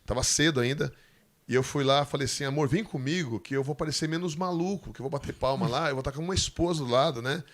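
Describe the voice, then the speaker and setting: A Brazilian man with a Brazilian Portuguese accent telling a lively missionary testimony, laughing as he tells it and acting out the people in the story. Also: medium pitch, quick pace. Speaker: missionary guest speaker.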